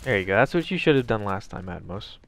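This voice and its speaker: A man's voice: fairly low pitch, expressive, fast, a bit bright. A man giving wry, sarcastic running commentary on his own gameplay, swearing freely.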